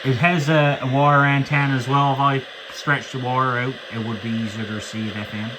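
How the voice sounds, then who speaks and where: A man who collects radios gives casual show-and-tell commentary at home, comparing old-style sets laid on the floor while he stays behind the camera. He talks hesitantly, full of fillers and restarts, in a mid-range voice with little pitch movement at a moderate pace, over a noisy background.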